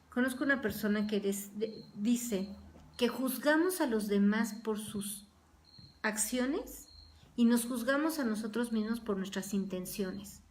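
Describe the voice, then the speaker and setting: A woman church teacher leading a Bible study, speaking earnestly and acting out everyday quarrels in quoted voices. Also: on the high side.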